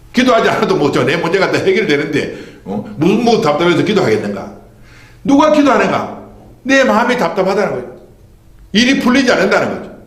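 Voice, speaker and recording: A man pastor giving a Sunday sermon, preaching with rhetorical questions and calling on the congregation to repeat after him. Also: a little high. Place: church sanctuary. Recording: echoey church hall.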